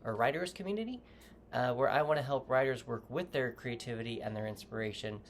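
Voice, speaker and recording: A tarot reader gives the viewer gentle, direct advice during an informal, rambling reading, regularly backtracking to correct themself. Their medium-pitched voice moves fairly quickly, and a little background noise can be heard.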